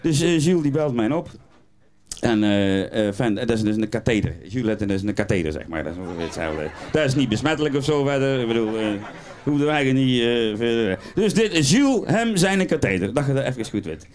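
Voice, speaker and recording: A man's voice: medium pitch, lively intonation, brisk, a little mellow. A man performing a rambling comic carnival monologue, talking straight to the audience as he tells his stories. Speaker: carnival comedian.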